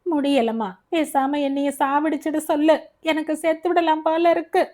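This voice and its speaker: A woman's voice: fairly high pitch, normal speed, close to an everyday voice. A woman voicing a frightened young man lying ill in a hospital bed, anxious and complaining of pain, in an audio novel. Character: frightened sick young man, fearful of dying.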